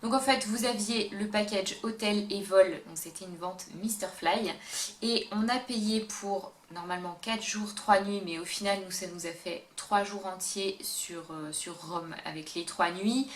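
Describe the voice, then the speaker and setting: Female vlogger, upbeat casual delivery with hesitations, roomy echo, faint hum. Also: medium pitch. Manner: chatty and upbeat, with frequent hesitations. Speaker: beauty and travel vlogger. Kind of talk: casual face-camera travel tips chat. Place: indoor room, talking to camera.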